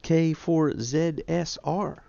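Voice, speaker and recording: A man talks casually and rambles on in a nasal, heavily gravelly voice. His tone is dark and mellow, and it is heard dry and close. The livestream sound comes across a bit dull and lo-fi. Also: fairly high pitch, steady tone, takes it slowly, no room sound. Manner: rambling, self-deprecating. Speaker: ham radio livestream host. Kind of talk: casual chat.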